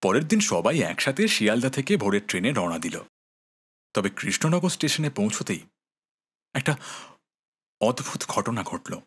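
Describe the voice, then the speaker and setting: A man narrating a horror audio story in a measured, expressive way. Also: fairly low pitch, breathy edge.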